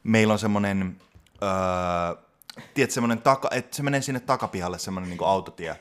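A young man tells a long story in casual chat, with a voice that sits a little low. He wanders and restarts his sentences often, filling the gaps with hesitations. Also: a bit bright. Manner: rambling storyteller, many fillers and restarts.

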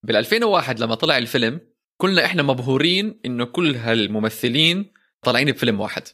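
A man's voice: mid-range voice, expressive, rapid-fire, sharp tone. A man with a Levantine Arabic accent chatting casually about films as a co-host, mixing English phrases into his Arabic. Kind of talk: casual film discussion.

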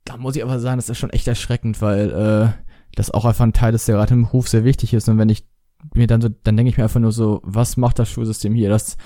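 A young man in casual chat, hesitant with frequent pauses and restarts. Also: lowish voice, flat delivery, dark tone, dry recording, clean studio sound.

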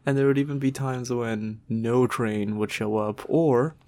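A young man co-hosting a podcast in casual, halting, slangy talk with some swearing. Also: mid-range voice, a little mellow. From Toronto, Canada. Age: young adult. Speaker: podcast co-host. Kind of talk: casual chat.

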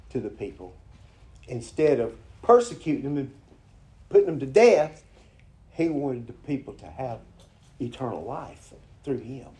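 Male preacher, folksy and halting, dark mellow tone. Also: medium pitch, slight background noise. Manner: folksy storytelling, halting restarts. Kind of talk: informal sermon with prayer and anecdote.

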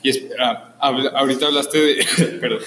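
Interviewer: man, bright forceful voice, friendly chatty questions, echoey room. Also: medium pitch, steady tone, moderate pace, a little hiss or hum. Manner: chatty and encouraging, says "qué padre" a lot. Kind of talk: casual interview.

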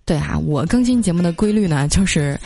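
A woman's voice: lowish voice, brisk. A young woman hosting a podcast, reading funny everyday anecdotes in a chatty storytelling manner, with light music underneath. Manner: chatty storytelling with lively quoted voices. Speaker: podcast host.

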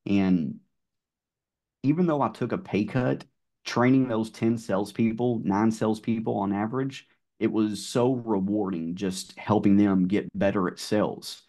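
A middle-aged man with a Southern drawl speaks in a fairly low voice. He talks in a relaxed, storytelling way, with plenty of ums and you-knows. It sounds like a casual podcast conversation. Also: measured pace. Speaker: guest, car sales manager.

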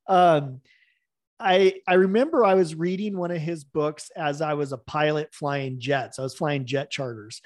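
A man as a podcast guest, telling stories in a casual, animated way and acting out the dialogue. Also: on the high side, unhurried, dry recording, clean studio sound. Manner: animated, acts out quoted dialogue with laughs. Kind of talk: casual storytelling interview.

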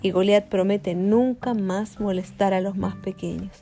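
A woman telling a children's story in an animated way, jumping into character voices. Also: medium pitch, measured pace, over music.

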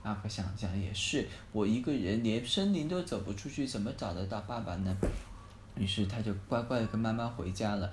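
A dad narrating a bedtime story on a phone recording, unhurried and asking the child questions along the way. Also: male voice, lowish voice. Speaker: storytelling dad, podcast host. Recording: echoey phone recording, faint hiss.

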